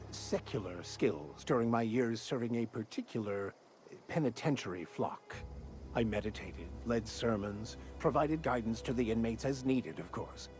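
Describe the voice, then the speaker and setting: An actor voicing a worldly male vicar in a video game, speaking in a dry, measured way. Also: medium pitch, expressive, darkish tone, faint music behind, close to an everyday voice. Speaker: game companion.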